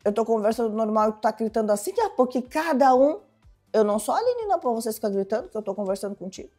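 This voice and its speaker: A woman voicing a blunt young man contestant who scolds others for shouting. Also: a little high, sing-song, fast, faint music behind. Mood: scolding.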